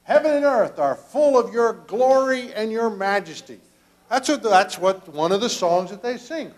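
An older man, a pastor, gently questioning children during a children's sermon in a church sanctuary. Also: high-pitched, expressive, moderate pace. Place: church sanctuary, children seated around him.

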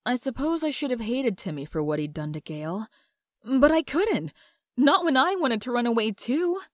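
A woman's voice: a little high, sing-song, normal speed, no room sound, clean studio sound. A woman voicing Mary Jane, a fiery but guarded young woman, telling her story in a heartfelt, confessional way in a comic dub. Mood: wistful. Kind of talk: comic dub narration and dialogue.

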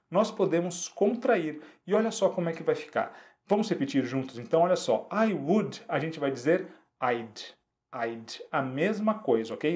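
A Brazilian man teaching an English lesson online, speaking Portuguese and repeating English phrases slowly and clearly for students to follow. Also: fairly high pitch, a little mellow.

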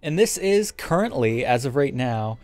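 A young man's mid-range, darkish voice swings broadly in pitch at a normal pace, recorded without echo. As a gaming YouTuber in an indoor room with a webcam, he gives casual, rambling let's play commentary with frequent swearing over game music.

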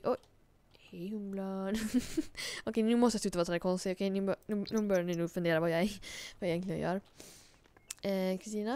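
A woman's voice: medium pitch, a little mellow. A woman giving casual, chatty gameplay commentary, giggling and coaxing the character she controls. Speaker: let's play host.

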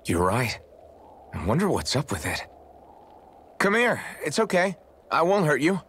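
A man's voice: low voice, sing-song, normal speed, breathy edge, heavily acted. A man voicing a kind, sincere young male swordsman in a video game.

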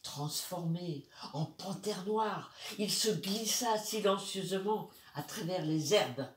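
A woman reads a children's bedtime story slowly and expressively, her voice on the lower side. She stops now and then to speak to the children. The sound is roomy and a little distant from the mic. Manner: slow, expressive reading with asides to children.

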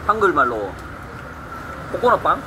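Lively high man talking while chewing. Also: normal speed, highs cut off. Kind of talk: casual travel-show chat over food. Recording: loud traffic noise outdoors.

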